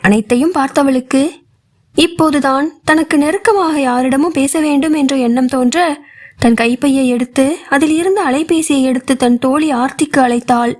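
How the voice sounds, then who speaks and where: A woman narrating a novel for an audiobook with a steady storytelling delivery. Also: sits high, normal speed.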